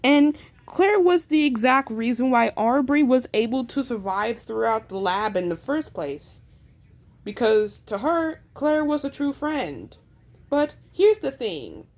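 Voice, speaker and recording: A woman's voice: on the high side, expressive, unhurried, darkish tone. Stammering woman rambling about her characters. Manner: stuttering with frequent restarts; rambling, filler-heavy delivery. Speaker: creator explaining her character lore. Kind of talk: casual chat.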